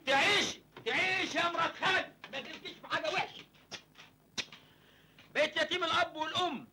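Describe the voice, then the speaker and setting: A man's voice: very high-pitched, noisy background. An actor with an Egyptian accent playing a naive, hungry young village man who jokes cheekily with his uncle. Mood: cheeky. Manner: cheeky, joking, fast-talking. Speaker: comic lead in an old film.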